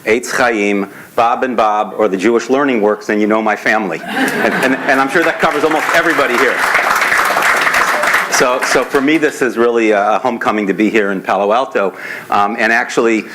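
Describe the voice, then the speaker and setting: A man from the San Francisco Bay Area speaking on a conference panel, telling his story in a relaxed, steady way. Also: on the low side, a little fast, over a noisy crowd, heavy background noise. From grew up in the San Francisco Bay Area. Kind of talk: panel talk.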